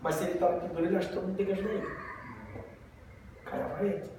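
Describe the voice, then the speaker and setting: A Brazilian man leads a relaxed Bible study, chatting, joking and throwing rhetorical questions at his listeners. His voice sits high, and he stands well back from the mic in a very echoey room. Steady background noise runs under the whole recording. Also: rapid-fire, distant mic. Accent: Brazilian Portuguese. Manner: conversational, tells jokes, asks rhetorical questions. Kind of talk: casual Bible study teaching.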